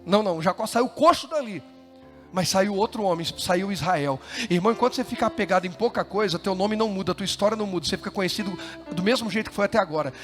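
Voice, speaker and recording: A middle-aged Brazilian man preaching a sermon as pastor, moving between chatty asides and loud, fervent bursts. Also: high-pitched, expressive, quick pace, faint music behind. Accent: Brazilian Portuguese. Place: church.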